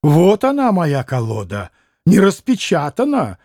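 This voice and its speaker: A man reading a shrewd middle-aged innkeeper who talks in a rough, accusing, bossy way. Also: fairly high pitch, huge pitch swings, a little slow, darkish tone, dry recording, clean studio sound, full character voice.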